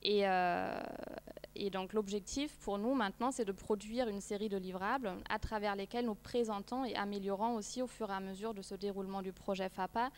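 Seated at a long table in a seminar room, a woman in her thirties presents her research in French, which isn't her first language. Her mid-range voice is steady and slightly fast, and she uses many fillers and restarts.

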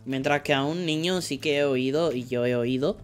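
Streaming a cooking game, this man keeps up casual commentary while quietly muttering the order items and cursing when things go wrong. He speaks at a normal speed in a smooth, mid-range voice over faint music.

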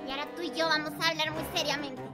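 Woman acting out a shrill, jealous demon girl. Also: fairly even intonation, rapid-fire, close to an everyday voice. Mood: furious. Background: loud background music.

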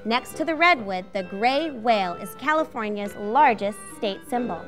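A woman delivers scripted educational facts for a children's show. Her voice is a little high, with faint music underneath. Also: lively intonation, normal speed. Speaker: research segment presenter on a kids' show. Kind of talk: scripted educational fact segment. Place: TV studio set.

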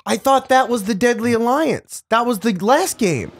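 A young man cursing and joking excitedly while commentating a fighting game with a friend. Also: very high voice, moderate pace. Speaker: let's play co-host. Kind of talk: casual gameplay commentary.

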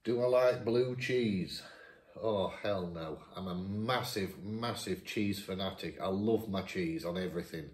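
A deep-voiced 51-year-old YouTuber from Lincolnshire, England speaks at a measured pace, reading viewer questions aloud and answering them in a chatty, self-mocking way. He's seated at a table in his dining room at home, filmed by a camera opposite him in an echoey room.

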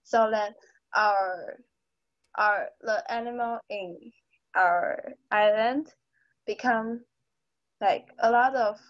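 Hesitant teen girl, slow muffled video call. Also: medium pitch, no room sound. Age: teens. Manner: hesitant, searching for words, many "like"s. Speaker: high school student. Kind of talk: class discussion in English. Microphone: computer mic on a video call.

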